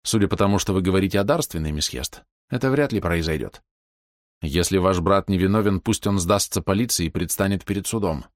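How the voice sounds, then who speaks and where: A man voicing a grave middle-aged colonel who speaks in a measured, sober, apologetic way. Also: low-pitched, no echo, clean studio sound, natural voice. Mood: firm.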